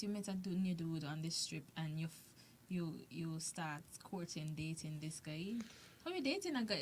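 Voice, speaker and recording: A woman's voice: mid-range voice, slight background noise. A woman co-hosting a talk show, chatting casually and animatedly, hammering her questions home with repetition. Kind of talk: animated casual panel chat.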